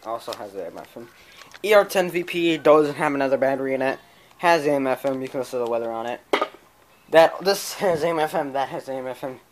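An amateur host shows off a radio collection in a casual show-and-tell home video, shot on a handheld camera held close in a small room. The mid-range voice talks fast, with a little hiss or hum on the audio.

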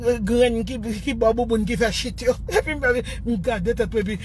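A woman's voice: on the high side, normal speed, a little mellow, a little hiss or hum. A Haitian woman telling a comic personal story, breaking into mock wailing and laughter and switching between Creole and French. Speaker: social media storyteller.

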